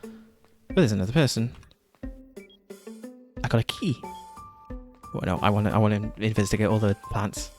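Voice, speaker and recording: A man's voice: lowish voice, normal speed, long pauses, a little mellow, soft background music. A man streaming a game, chatting casually, laughing often and reading game text aloud. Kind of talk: casual gaming commentary.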